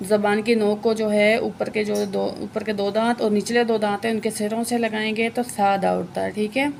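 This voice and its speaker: A woman teaching Quran reading word by word, explaining each letter and then reciting slowly and drawn out. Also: mid-range voice, little pitch movement, creaky, a little mellow, a little hiss or hum.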